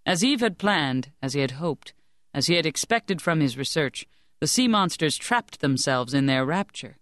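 A woman reading an audiobook in a measured, even storytelling voice, recorded close in a booth. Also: low voice, no room sound. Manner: measured, even storytelling that lifts and sharpens for shouted lines. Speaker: audiobook narrator. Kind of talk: scripted narration of a historical fantasy novel. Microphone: close studio microphone.

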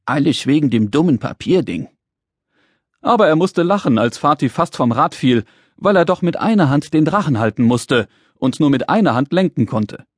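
A man reads a children's story aloud in a lively, expressive way, speaking straight to young listeners. His voice is slightly higher than usual for a man and moves up and down a lot. The sound is close and dry. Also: moderate pace, dry recording. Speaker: audiobook narrator. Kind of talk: scripted children's storybook narration.

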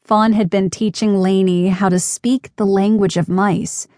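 Woman narrator, children's audiobook, gentle, measured, slow pace, dry close studio sound. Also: medium pitch, fairly even intonation, no room sound.

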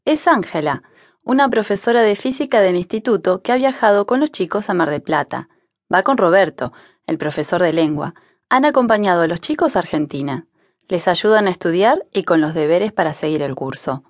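A woman narrates an audiobook for language learners. She reads clearly and at a measured pace, and her pitch moves lively through each sentence. The recording is close and dry. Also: no room sound. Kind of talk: scripted narration.

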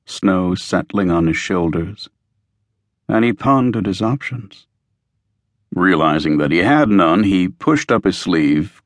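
A man reading an audiobook in measured, atmospheric scripted narration. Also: low-pitched, no echo. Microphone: studio microphone.

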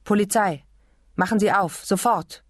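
A woman's voice: mid-range voice, lively intonation, moderate pace, dry recording, clean studio sound, close to an everyday voice. A woman reading an audiobook, voicing a harsh male policeman who bellows commands at a door. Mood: shouting. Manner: barking loud commands. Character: shouting male French policeman, harsh, brutal.

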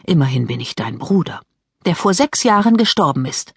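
A woman voicing a calm, caring young male ghost in an audiobook, speaking softly. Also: low-pitched, normal speed, gravelly, husky, no echo, studio quality, full character voice. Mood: gentle. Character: gentle young male ghost, protective brother.

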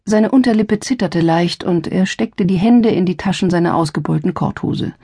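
A woman reads a contemporary novel aloud in the first person, lively and close to the mic. Her voice has a slight husky, gravelly edge, and the recording is dry, with no room sound. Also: lowish voice, moderate pace, no room sound. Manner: lively first-person storytelling, acting out dialogue. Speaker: audiobook narrator. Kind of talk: scripted narration.

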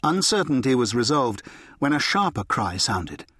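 Male audiobook narrator; husky, measured, dry close studio read. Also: mid-range voice, big pitch swings, a bit bright, no echo. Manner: measured, storytelling. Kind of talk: scripted narration.

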